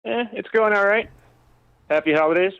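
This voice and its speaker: A man's voice: high voice, moderate pace, creaky, highs cut off. A man from Denver calling in over the phone, easygoing and laid-back. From Denver area, USA. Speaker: caller. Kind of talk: casual call-in chat.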